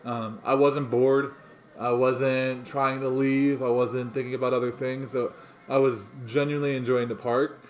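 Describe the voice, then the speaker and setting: A man's voice: medium pitch, flat delivery, moderate pace. A man co-hosting a casual podcast, rambling through his thoughts with many ums and restarts. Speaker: podcast co-host. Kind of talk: casual chat.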